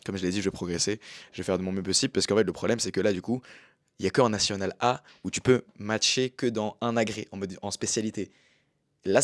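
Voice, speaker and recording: A man's voice: fairly low pitch, dry recording, clean studio sound. A young man in casual chat about his gymnastics training, talking in a slangy, rambling way with many fillers. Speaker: vlogger and amateur gymnast.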